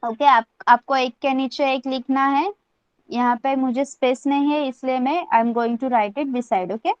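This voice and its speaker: A woman's voice: sits high, steady tone, unhurried, clear, resonant tone, no echo, lo-fi sound. A woman teaching an online language class, repeating each number and spelling it out letter by letter, switching between English, Hindi and Marathi. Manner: mixes English, Hindi and Marathi when explaining.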